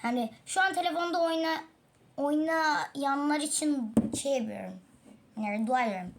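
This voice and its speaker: A woman's voice: high voice, moderate pace, background noise. A woman hosting a casual gaming video, chatting to viewers about her fails and sighing as she keeps falling. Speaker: gaming channel host. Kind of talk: casual let's-play commentary. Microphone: tablet.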